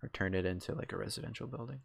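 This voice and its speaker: A man's voice: on the low side, racing, gravelly, a little hiss or hum. A young man streaming a game, chatting casually in a rambling way full of fillers and restarts. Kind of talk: casual chat while gaming.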